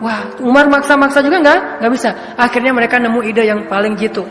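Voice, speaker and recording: A man's voice: very high-pitched, fairly even intonation, fast, fairly bright tone. A man telling a story in a sermon, acting out the characters' lines. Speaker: preacher. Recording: echoey hall with faint music.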